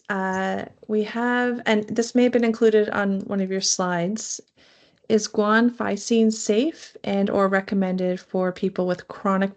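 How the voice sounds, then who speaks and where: A woman hosting a charity webinar over a video call, friendly, with frequent ums. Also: medium pitch.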